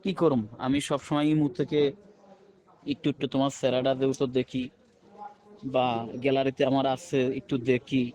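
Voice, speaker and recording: A man's voice: medium pitch, level tone, moderate pace, long pauses, warm tone. A middle-aged man, rambling and pleading in a personal voice message, repeating himself.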